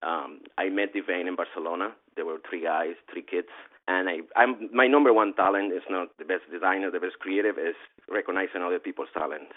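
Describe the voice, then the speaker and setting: Venezuelan-accented male event organizer, low voice, rambling and animated, phone-thin sound. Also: brisk. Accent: Venezuelan Spanish. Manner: rambling, animated, frequent restarts and laughs. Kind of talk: casual interview chat. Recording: tinny phone-like line.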